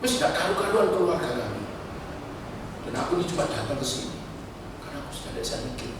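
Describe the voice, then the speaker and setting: A man preaching a sermon, telling stories and urging his congregation with animated, shifting delivery. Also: a little high, fast, noisy background. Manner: animated storytelling, switching between pleading and urgent exhortation. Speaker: pastor. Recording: echoey church hall from far off.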